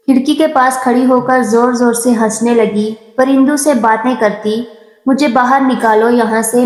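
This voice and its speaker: Female storyteller, emotional and mournful, fairly high voice, reverberant room. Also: a little mellow. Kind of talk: dramatic story narration. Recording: roomy with long reverb.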